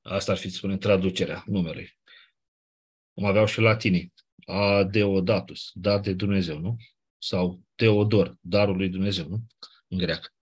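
A man with a fairly low voice and a breathy edge teaches Ancient Greek grammar as a Greek teacher in a classroom. His style is casual and explanatory, with colloquial asides and frequent "nu?" checks on his listeners.

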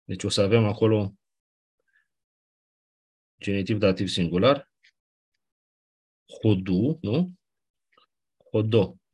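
Male teacher, lowish husky voice, patient lecturing delivery. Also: long pauses, a little mellow. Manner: explanatory, checks understanding with "nu?". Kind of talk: classroom lecture.

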